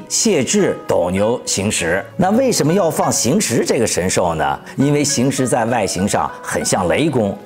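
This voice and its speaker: A man narrates like a conversational presenter explaining things to viewers. His mid-pitched voice moves up and down in a lively way. Music plays underneath. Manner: conversational, explaining with rhetorical questions. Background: background music.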